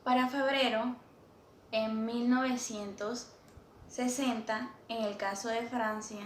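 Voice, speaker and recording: Woman reading her script, firm, echoey room, faint hiss. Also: fairly high pitch.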